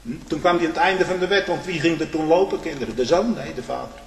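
Male preacher, fairly high voice, dramatic sermon, roomy echoing hall. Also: fast, gravelly. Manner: swings from loud declaiming to low intimate asides, rhetorical questions; frequent questioning "hm?" to the congregation. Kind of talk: fiery sermon. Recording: echoey church hall, long reverb.

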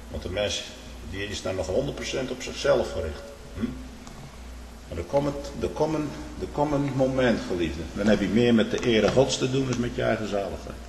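A man preaching a fervent sermon, emphatic and full of rhetorical asides, swinging between hushed and loud. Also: lowish voice, vocal fry. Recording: echoey hall with faint background noise.

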